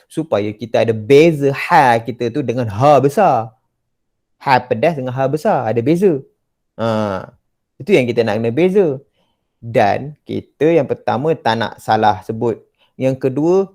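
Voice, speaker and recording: Teaching Quran recitation in an online class, a man with a Malaysian Malay accent speaks at medium pitch with a warm tone. He patiently corrects students line by line and models slow recitation.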